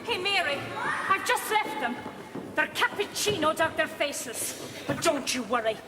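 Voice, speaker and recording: A piercingly high, loud Glaswegian voice cuts over a noisy crowd. It is a fierce, foul-mouthed sitcom wife, blunt and threatening. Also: female voice, big pitch swings, unhurried. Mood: loud indignation. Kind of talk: television sitcom acting. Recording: noisy, crowded TV location sound.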